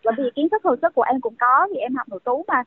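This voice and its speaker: A young woman doctor in her thirties speaks very fast in a high, expressive voice during a phone interview. The tinny, dry telephone line carries slight background noise, and her manner is earnest and conversational with frequent fillers.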